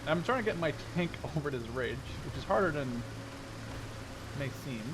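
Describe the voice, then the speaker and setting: Over tank game sounds and vehicle and game noise, a Dutch gaming host in his twenties, based in Canada, speaks in a fairly high, animated voice at a moderate pace. He chats casually and playfully about his gameplay and often thinks aloud while playing.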